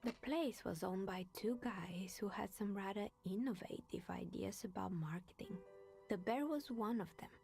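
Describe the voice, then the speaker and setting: A woman's voice: medium pitch, normal speed, vocal fry, darkish tone, faint music behind, close to an everyday voice. A woman voicing a wry older woman in a video game who tells stories in a dry, sardonic, half-whispered way. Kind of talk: voiced game dialogue.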